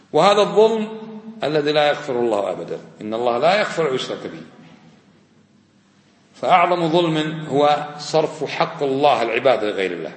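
Man teaching in echoey hall. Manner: quizzing, repeats questions, drops to low asides. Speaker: religious teacher. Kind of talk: classroom lesson with questions to students.

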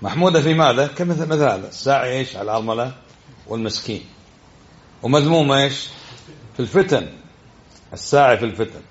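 A man's voice: medium pitch, animated, quick pace, long pauses, lo-fi sound. A man giving a religious lesson, exhorting his listeners and often asking them questions. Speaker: religious teacher.

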